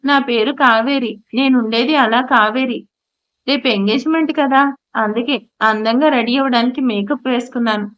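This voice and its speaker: A woman's voice: fairly high pitch, moderate pace, fairly bright tone, natural voice. A woman voicing a fussy, silly middle-aged woman in an audio story, speaking in a whiny, flustered way. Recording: slightly muffled audio.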